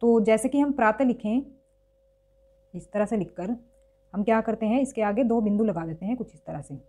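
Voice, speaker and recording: A woman's voice: fairly high pitch, dark tone. A woman teaching a grammar lesson, patiently spelling out sounds one by one to show how to pronounce them. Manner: patient, repeats sounds slowly to show pronunciation. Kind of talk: classroom-style lesson.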